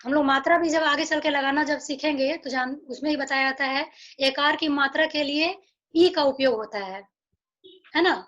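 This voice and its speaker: A woman teacher giving an online phonics lesson, slowly saying each letter sound and repeating it. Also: high-pitched, fairly bright tone, dull audio. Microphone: video call.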